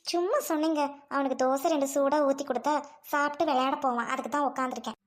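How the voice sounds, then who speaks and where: A woman playing a gentle middle-aged village wife, speaking in a mild, coaxing way. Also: high-pitched, steady tone, fast talker, close to an everyday voice.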